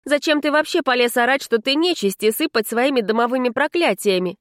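A woman voicing a proud, touchy young vampire woman in an audiobook, speaking in a sharp, scolding way. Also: sits high, expressive, brisk, no room sound, studio quality, voice pushed up. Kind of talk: audiobook character reading.

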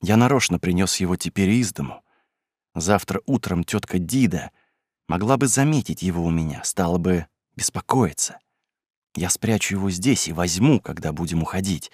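A man voicing an earnest, tender young male revolutionary who speaks in a hushed, low voice in an audiobook. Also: moderate pace, slightly rough, no room sound, clean studio sound.

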